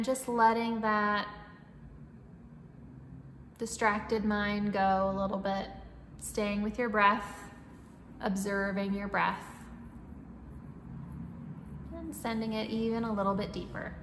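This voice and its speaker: A woman leading a guided breathwork meditation in a soothing, instructing manner, with long pauses and audible breathing and sighs. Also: mid-range voice, little pitch movement, a bit bright. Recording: echoey reverberant room, faint background noise.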